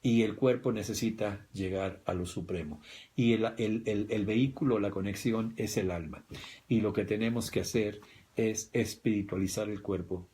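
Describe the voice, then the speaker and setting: A man's voice: fairly low pitch, moderate pace, mellow. A man with a Mexican accent giving an emphatic livestream talk on spirituality and health, speaking straight to his listeners. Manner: emphatic, repetitive, addresses listeners directly. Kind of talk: livestream lecture.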